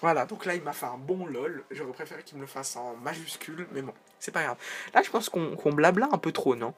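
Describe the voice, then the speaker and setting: A man's voice: a little high, animated, fairly quick. A man giving casual, joking commentary over a video game, rambling into side remarks. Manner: chatty, joking, rambling asides.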